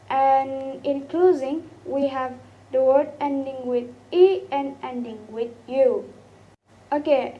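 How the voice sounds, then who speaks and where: A young woman giving a student presentation, slowly sounding out each example vowel twice. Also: high voice, dull audio. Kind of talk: classroom presentation.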